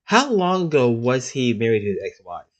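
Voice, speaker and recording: A man's voice: mid-range voice, very animated, moderate pace, dull audio. A man co-hosting a casual podcast, rambling and restarting his sentences, with sarcastic asides. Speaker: podcast co-host.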